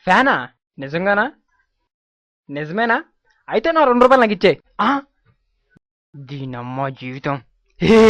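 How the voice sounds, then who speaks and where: A man's voice: high voice, a bit bright, no echo. Brief: man, playful mock-pompous banter in a comic sketch, dry close recording. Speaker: comic performer playing both anchor and film star. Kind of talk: comic spoof interview.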